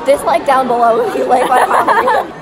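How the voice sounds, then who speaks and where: A high-voiced teenage girl chats and jokes, her pitch jumping around playfully. She is surrounded by a loud, noisy crowd in a big room. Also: sing-song, fairly quick. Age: teens. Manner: playful, jokey. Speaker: friend joining in the vlog. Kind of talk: casual joking chat. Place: large school common room. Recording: loud crowd and noise behind.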